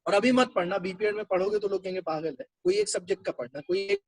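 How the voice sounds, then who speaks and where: A man's voice: sits high, big pitch swings, quick pace, creaky, a little mellow, no room sound, soft background music, low-quality recording. A male teacher giving a classroom lecture, talking conversationally and explaining things step by step.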